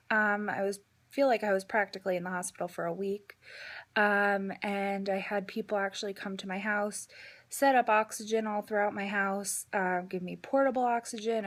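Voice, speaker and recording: A woman vlogger talks casually through a personal update. Her voice sits at a middle pitch, and her delivery is halting, with drawn-out pauses between phrases. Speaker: vlogger giving a health update.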